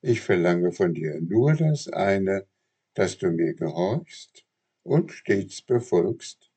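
A man voicing a kind, wise, motherly fairy in a read-aloud storybook, speaking gently and admonishing. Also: deep voice, animated, slow pace, breathy edge, full character voice.

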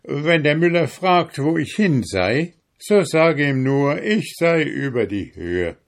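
Sneering, unshakable stranger in a fairy tale, raised voice, deliberate pace, read by a man. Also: a little high, very animated, pitched above the performer's own voice, exaggerated voice. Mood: kindly commanding. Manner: mocking, haggling, raised voice. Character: mocking, unbending male stranger bargaining.

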